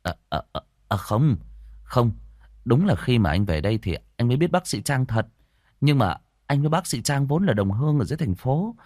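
A man's voice: deep voice, animated, moderate pace, darkish tone, dry recording, studio quality. A man voicing a flustered young man who stammers and hesitates. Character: flustered young man caught between two women.

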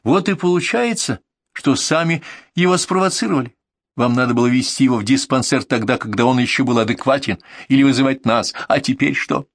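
A man's voice: mid-range voice, fairly quick, dry recording, clean studio sound, voice pushed up, natural voice. A man voicing a stern woman doctor. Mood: lecturing. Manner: lecturing, scolding. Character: stern middle-aged woman psychiatric ambulance doctor.

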